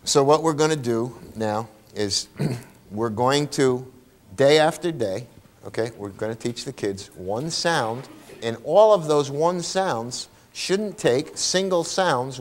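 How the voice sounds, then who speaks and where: A man giving a lively workshop talk to teachers, asking rhetorical questions and checking in with the room. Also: a little high, unhurried. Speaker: teacher trainer.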